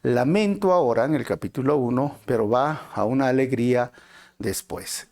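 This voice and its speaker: A man's voice: medium pitch, creaky, darkish tone. A man with a Peruvian Spanish accent, teaching an online Bible study in a methodical, explanatory way. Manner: methodical, explanatory, self-correcting. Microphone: close mic, streamed online.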